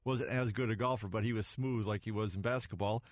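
Relaxed man telling caddy stories, dry mic. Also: lowish voice, brisk, no room sound. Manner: relaxed anecdotes with fillers and restarts. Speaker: golf show co-host. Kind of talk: casual radio show chat.

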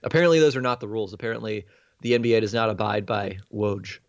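A man talks quickly and casually as a sports podcast guest. His voice is a little frail, with a touch of vocal fry. The recording sounds slightly dull. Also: on the low side, no echo. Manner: rambling, conversational retelling.

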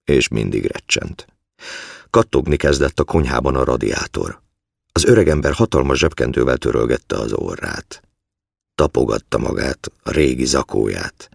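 A man narrating an audiobook in a measured, matter-of-fact way. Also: very deep voice, lively intonation, creaky, dry recording, clean studio sound.

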